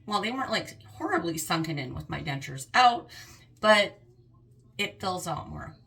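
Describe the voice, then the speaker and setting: Woman, late fifties, vlogger, candid, earnest, lowish voice, gravelly. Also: animated, moderate pace, fairly bright tone, poor audio. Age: 50s. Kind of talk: personal talk to camera.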